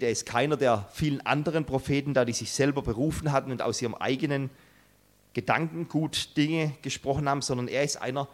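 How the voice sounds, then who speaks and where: Male preacher, sermon delivery, earnest, emphatic, pausing for effect, mid-pitched voice. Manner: earnest, emphatic, with dramatic pauses.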